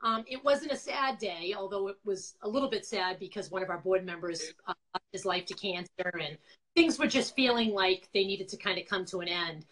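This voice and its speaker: A woman's voice: mid-range voice, a little fast, a bit bright, rough recording. A talkative middle-aged woman with a Boston accent, chatting casually as an interview guest and telling her own story. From Quincy, Massachusetts, USA. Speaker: interview guest, former nonprofit founder. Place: indoors, on a video call.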